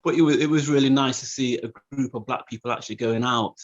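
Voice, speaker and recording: Reflective male artist from England, halting and repetitive, mid-range voice. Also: medium pitch, steady tone, muffled recording. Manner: hesitant, repeats words as he thinks. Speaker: photographer and video artist. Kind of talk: reflective interview.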